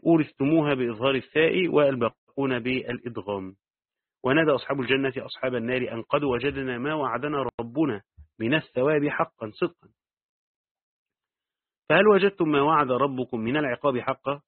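A man's voice: medium pitch, no echo. Man teaching tafsir over a tinny line. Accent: Egyptian. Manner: reads the text aloud, then adds quick asides in colloquial dialect. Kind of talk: reading and explaining a tafsir text. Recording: dry, phone-like narrow sound.

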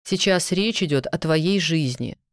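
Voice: medium pitch, animated, unhurried, no room sound, studio quality. A reader voicing a stern nobleman who questions and gives orders coldly. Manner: cold, commanding, interrogating. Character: stern commanding nobleman, a baron.

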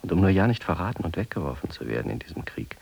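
A man narrating a literary drama in a hushed, inward, half-whispered way. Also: low-pitched, sing-song, very fast, vocal fry, husky.

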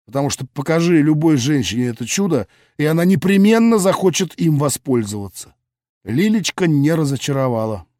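A man's voice: on the high side, big pitch swings, fairly quick, dark tone, no room sound. Man narrating an audiobook, dry sound. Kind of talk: first-person audiobook narration.

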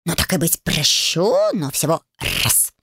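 A woman's voice: sits low, animated, measured pace, breathy edge, no room sound, clean studio sound, exaggerated voice. A woman voicing a cranky old talking door handle with a wolf's head, whiny and indignant, in an audiobook. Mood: grumbling, haggling. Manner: whiny, indignant, shouting and bargaining. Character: cranky ancient talking door handle, wolf-headed, male. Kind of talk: audiobook character voice.

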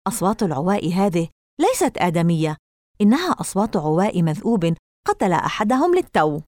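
A woman's voice: on the low side, big pitch swings, fast talker, a little mellow, no echo, clean studio sound. A woman reading aloud and voicing a teasing, spooky-minded young girl in an audiobook. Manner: playful, eager, teasing.

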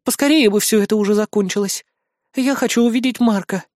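A man reading an audiobook voices a shy, anxious teenage girl who speaks softly and hesitantly. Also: high voice, fairly quick, no echo, clean studio sound, voice pushed up, lightly acted. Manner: soft, guilty, hesitant.

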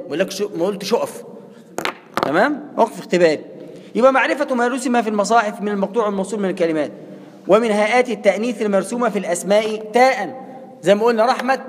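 An Egyptian man teaches Quran recitation at a brisk, fast clip. His voice sits high and rings with a long hall reverb. He keeps turning to his listeners with rhetorical questions. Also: a little hiss or hum. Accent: Egyptian Arabic. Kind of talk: explanatory religious lesson.

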